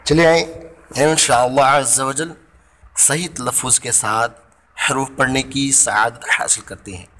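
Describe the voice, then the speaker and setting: A man teaching pronunciation of Arabic letters for Quran reading. He draws out each letter sound loudly, then explains it calmly. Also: medium pitch, a little slow. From Pakistan. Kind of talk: slow, deliberate pronunciation lesson.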